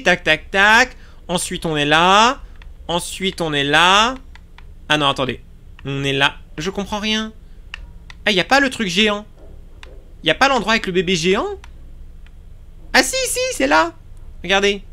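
A man giving excitable let's play commentary, talking to his viewers as he plays, with sudden yelps. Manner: excitable, talks to viewers while playing; sudden yelps and jumps in pitch. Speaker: gaming YouTuber.

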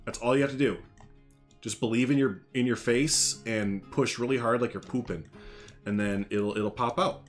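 Faint music sits behind a Northern Illinois man in his thirties who carries a slight Chicago accent. Streaming a building game on a headset from a small room at home, he talks with viewers in a rambling, joking, chatty way, at a normal speed and medium pitch.

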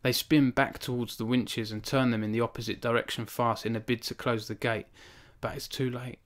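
A man in his thirties, an author, hosts a live stream from a small home room, speaking into a studio microphone on a stand in front of him. His medium-pitched voice is flat and brisk as he reads from his novel. Then he chats earnestly and self-consciously with viewers, with frequent restarts and fillers.

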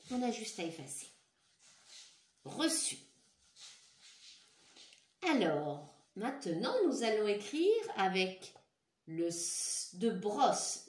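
A woman teacher leading a dictation for young children, patient, repeating and stretching each word. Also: medium pitch. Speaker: schoolteacher. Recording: echoey room.

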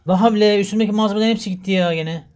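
Frustrated young man yelling at a game. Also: sits high, racing. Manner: exasperated, shouting in frustration, muttering to himself. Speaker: gaming YouTuber. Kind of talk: live gameplay commentary.

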